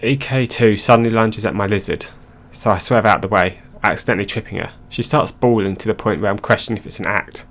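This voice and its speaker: Low-voiced man reading stories aloud. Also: fast talker, few pauses, fairly bright tone. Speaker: narrator.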